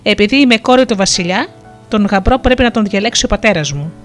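A woman narrator voicing a gentle sea princess disguised as a turtle, melodious, playful and kind, with faint music behind. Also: mid-range voice, lively intonation, lightly acted.

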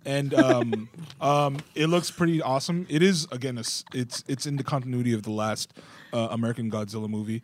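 A man's voice: medium pitch, fairly quick. A man co-hosting a casual podcast chat, laid-back and full of fillers. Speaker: podcast co-host.

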